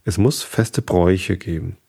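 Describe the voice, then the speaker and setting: A man reading a storybook aloud and voicing a wise, wistful fox in a gentle, thoughtful way. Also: sits low, steady tone, measured pace, vocal fry, slightly rough, full character voice.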